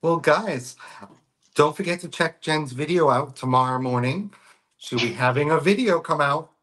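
A man's voice: a little high, normal speed, fairly bright tone. A man co-hosting a casual live sale stream, easygoing and joking with his co-host and viewers. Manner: easygoing, joking, friendly sign-offs.

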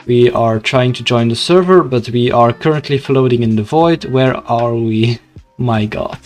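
This young adult man from Belgium speaks with a Dutch accent at medium pitch and a slightly slow pace. He's a video game livestreamer casually commenting on a game for his live chat, often tripping over his words, with faint music in the background.

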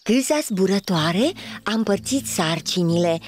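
A woman narrating a children's storybook with an animated, storytelling lilt. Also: medium pitch.

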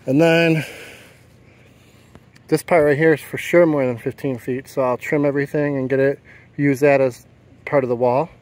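Out in the woods and at a marina, a middle-aged man who lives off-grid and sails talks casually while filming himself, plainly thinking aloud about his work. He speaks at normal speed in a medium-pitched, slightly mellow, fairly even voice, pausing often, on a low-quality recording with music beneath.

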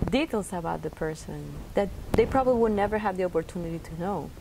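A woman's voice: fairly low pitch, lively intonation, fast talker, creaky. Middle-aged female host, curious and chatty, studio lapel mic, faint background hiss. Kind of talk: interview chat. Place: TV studio set.

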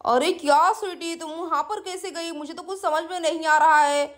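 A calm, helpful uncle speaks in a steady, reassuring way, as a woman puts him on. The voice is pushed down from a very high natural pitch. It belongs to a children's doll story. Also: moderate pace.

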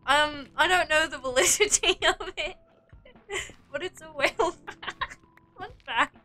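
A woman's voice: high voice, unhurried, pushed and bright. A young woman livestreaming in a casual chat, playfully teasing her viewers and giggling often.

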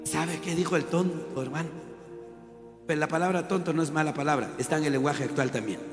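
Emphatic preacher in an echoing hall. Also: male voice, on the high side, a little fast, over music. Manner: lively, emphatic, addresses listeners as brother. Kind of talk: sermon.

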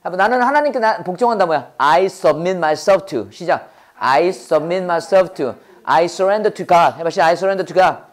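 Brief: Korean-accented woman, lower voice, church English teacher, call-and-response drills, slow English then rapid explanation. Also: lively intonation. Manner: drills words by repetition, prompting the class to repeat.

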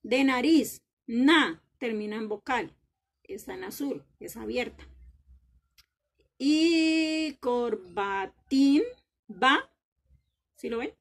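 Woman teacher, kinda high husky voice, talks to little kids, stretches words out slow. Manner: warm, praising, stretches out words to stress syllables. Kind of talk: children's language lesson.

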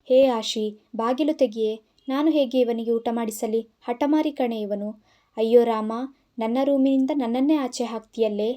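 A woman's voice: a little high, moderate pace, dark tone, lightly acted. A woman voicing a young husband, pleading and joking by turns in an audio story. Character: young married man, teasing and exasperated husband.

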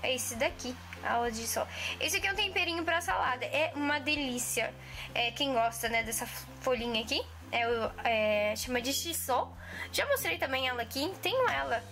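A woman in her twenties with a high, animated voice talks at a moderate pace in a bright, forceful tone, with a faint hiss or hum. She's filming a home cooking vlog in her kitchen on a camera mic held at arm's length, chatting casually but hesitantly, restarting sentences and using many fillers. Music plays under her voice, and dishes clink.

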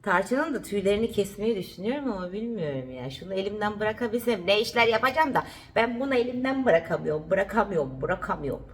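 A woman's voice: mid-range voice, expressive, fast, hardly any pauses. A woman from Turkey chatting casually to camera at home in a daily vlog, talking to her puppy in a cooing voice and repeating herself. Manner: chatty, cooing baby talk to her dog, repeats phrases. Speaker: vlogger. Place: at home indoors.

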